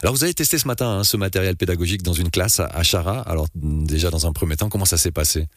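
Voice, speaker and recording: A radio host talks quickly in a very low voice, and fillers and small stumbles break up his questions. He is heard close on a dry studio microphone. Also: no room sound. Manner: hesitant, many fillers. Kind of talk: radio interview.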